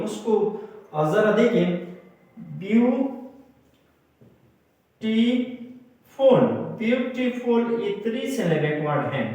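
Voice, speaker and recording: Guy teaching english grammar, high-ish voice, drags words out syllable by syllable, super echoey room. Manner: repeats and stretches out words to stress syllables; writes on a board while explaining. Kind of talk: classroom-style grammar lesson.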